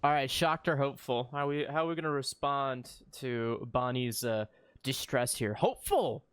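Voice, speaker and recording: A man commentating his game playthrough excitedly, laughing and swearing as he picks choices. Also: medium pitch, moderate pace, clear, resonant tone, dry recording, studio quality. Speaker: gaming streamer. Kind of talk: gaming commentary. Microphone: desk mic.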